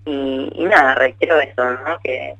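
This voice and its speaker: Brief: a minister, speaking formally and measuredly over a bad phone connection that keeps breaking up. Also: male voice, mid-range voice, fairly even intonation, vocal fry, dry recording. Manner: measured and formal, stresses key words. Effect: choppy bad phone connection. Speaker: government minister interviewed by phone. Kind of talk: formal official explanation. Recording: dull, dry, choppy phone line.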